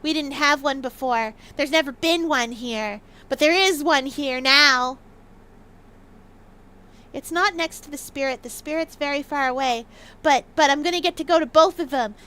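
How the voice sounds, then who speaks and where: A woman livestreamer chatting playfully in an excitable, bouncy way, often repeating words for emphasis. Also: high-pitched, normal speed.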